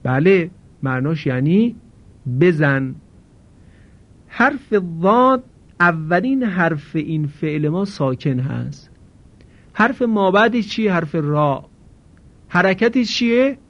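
A man with a slightly high voice leads a grammar lesson at a slow, deliberate pace. He puts questions to his students and answers them himself. The recording is dull and lo-fi. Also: very animated. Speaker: Arabic grammar teacher.

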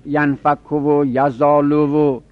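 A man's voice: a little high, flat delivery, dry recording. Man teaching grammar, lo-fi recording. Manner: explanatory, repeats example phrases slowly. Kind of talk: seminary grammar lesson. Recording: dull lo-fi recording.

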